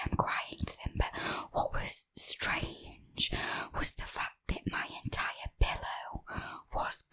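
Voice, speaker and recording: A woman, hosting an ASMR channel and whispering a spooky personal story in a slow, confiding way into a close microphone. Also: bright, forceful tone, low-quality recording. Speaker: ASMR host.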